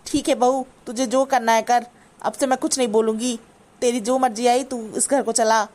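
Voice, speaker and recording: Cartoon mother-in-law, bossy and scolding, high-pitched, voiced by a woman. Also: steady tone, moderate pace, a little mellow, close to an everyday voice. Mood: softening. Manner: scolding, complaining. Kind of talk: cartoon voice acting.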